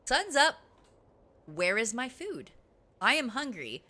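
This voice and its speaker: A woman voicing her hungry female house cat, an insistent pet pleading and demanding food in a slow, overly proper way. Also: on the high side, very animated, pushed and bright, pitched above the performer's own voice, heavily acted.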